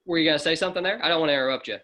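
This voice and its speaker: A man hosting an online promotional call, energetic and hyping up the audience. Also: fairly high pitch, very fast. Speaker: host of an online overview call.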